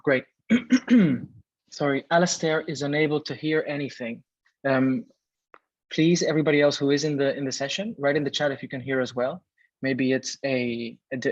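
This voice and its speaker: The dull, dry video call audio captures a thirties-aged man from Venezuela hosting a live webinar in a Berlin home or office room. Casual and heavy on fillers, he reads chat messages out loud in a mid-range voice with no echo.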